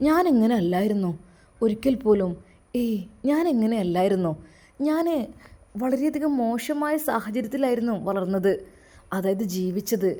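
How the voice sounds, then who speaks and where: A woman voicing a young man, a former thug who now speaks in an earnest, halting, questioning way. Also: on the high side, expressive, warm tone, close to an everyday voice. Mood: confessional.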